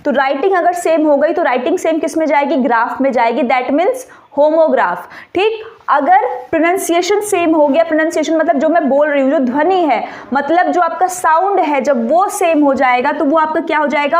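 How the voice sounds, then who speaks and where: A woman teaching an exam-prep grammar lesson, mixing English terms into her explanations and turning key points into quick questions for the viewer. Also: sits high, darkish tone.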